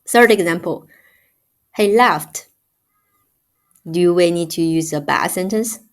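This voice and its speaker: Woman language teacher, lowish pitch, emphatic and patient, walks through examples slowly. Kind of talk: explanatory grammar lesson.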